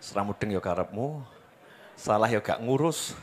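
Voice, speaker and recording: A man's voice: on the low side, expressive, moderate pace, in a large hall, a little hiss or hum. A man with a Javanese accent preaching a sermon, joking and quizzing his audience as he goes. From Java, Indonesia. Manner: jokey, asks the crowd questions, mixes in local dialect.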